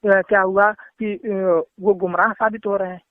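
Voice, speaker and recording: High-voiced argumentative caller on a phone. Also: male voice, flat delivery, a little slow, no echo. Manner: argumentative, talks over the other side. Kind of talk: heated religious phone debate. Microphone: phone call. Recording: tinny phone line.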